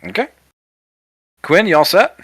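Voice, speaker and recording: A man narrating as game master of a tabletop game, quick and playful, often laughing. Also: high-pitched, animated, gravelly, a bit bright, breathy edge, dry recording.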